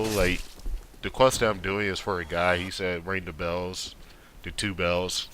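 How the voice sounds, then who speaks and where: A low-pitched man talks through video games in a casual, rambling way. He sounds a little sniffly from a cold, and his offhand commentary sits in a clearly noisy recording. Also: sharp tone. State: sniffly with a mild cold, occasional coughing.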